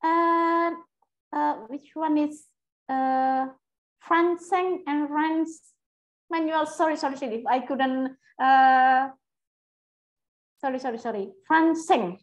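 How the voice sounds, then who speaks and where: A woman's voice: high-pitched, fairly even intonation, takes it slowly, pauses often, muffled recording. A woman law lecturer giving an interactive lecture, calling on students by name and repeating her questions.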